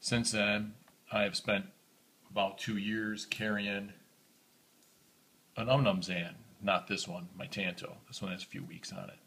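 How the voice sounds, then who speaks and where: Man, low pitch, monotone delivery, casual knife review vlog, phone camera recording. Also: measured pace, creaky, long pauses, husky. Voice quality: monotone, self-described.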